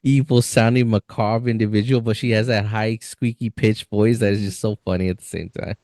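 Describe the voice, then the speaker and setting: A man's voice: on the low side, fairly even intonation, a little fast, darkish tone, no room sound, clean studio sound. A man co-hosting a podcast in casual chat, talking eagerly with slang and easy laughter. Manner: enthusiastic, says dude and freaking, laughs easily. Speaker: podcast co-host.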